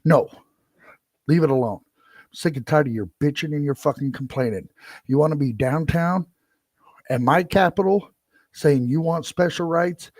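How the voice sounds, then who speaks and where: A man's voice: on the high side, normal speed, long pauses, darkish tone, dry recording, clean studio sound. Angry profane middle-aged man. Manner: profane, heated and repetitive. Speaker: podcast host. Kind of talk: angry solo rant.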